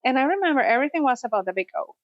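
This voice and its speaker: A woman's voice: high-pitched, very animated, rapid-fire, no room sound, dull audio. A woman from Costa Rica, a sex therapist, telling her story in a podcast interview. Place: studio, in person.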